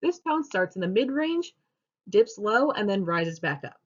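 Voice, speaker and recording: A young woman giving a class presentation, explaining step by step in a steady teaching manner. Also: medium pitch, unhurried. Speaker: student presenter. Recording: dull lo-fi recording.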